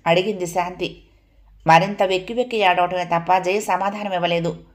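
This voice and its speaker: A woman narrating a family novel as an audiobook in a steady, even storytelling manner. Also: on the low side, normal speed.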